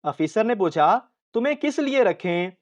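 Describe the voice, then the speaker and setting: A woman reading a series of short jokes aloud in a steady storytelling way. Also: mid-range voice, moderate pace, lo-fi sound. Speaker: joke reader.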